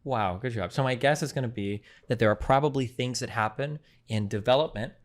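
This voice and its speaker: A man's voice: medium pitch, a little fast. A man hosting a casual debate stream, teasing, sarcastic and blunt. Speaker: streamer host.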